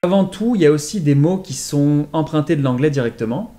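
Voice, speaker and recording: A man's voice: a little high, expressive, a little fast, dark tone. Man explaining pronunciation casually. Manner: explanatory, demonstrates sounds. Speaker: accent teacher. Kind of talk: casual lesson.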